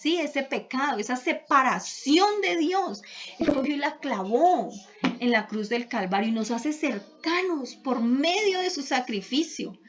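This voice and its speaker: A woman preaching a sermon with earnest rhetorical questions, her voice dropping soft and low for spoken prayers. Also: lively intonation, measured pace, faint music behind. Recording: dull lo-fi recording.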